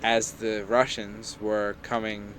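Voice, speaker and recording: A man's voice: fairly low pitch, level tone, slow pace, fairly bright tone, a little hiss or hum. A young man co-hosting a casual podcast, rambling through a hiking story and acting out quoted voices. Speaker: podcast co-host. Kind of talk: casual chat.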